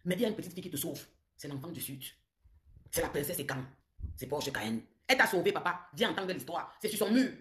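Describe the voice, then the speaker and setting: Woman, Cameroonian French accent, live-stream host; fast, low-pitched, accusatory and confrontational delivery. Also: animated. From southern Cameroon. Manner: accusatory, confrontational, repeats taunts. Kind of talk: heated live-stream rant.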